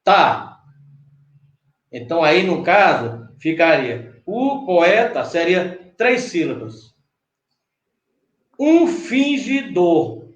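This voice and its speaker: A man's voice: on the high side, big pitch swings, slow, fairly bright tone, highs cut off. A Brazilian man, a cordel poet, teaching an online workshop patiently and step by step, often checking in with his guest. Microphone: video call. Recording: roomy echo.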